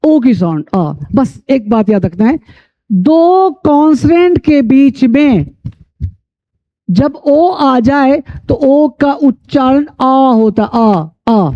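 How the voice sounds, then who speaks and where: Guy teaching english sounds, highish voice, kinda dull lo-fi audio. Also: lively intonation. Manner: repeats rules and spells out letters slowly. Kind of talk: classroom-style lesson.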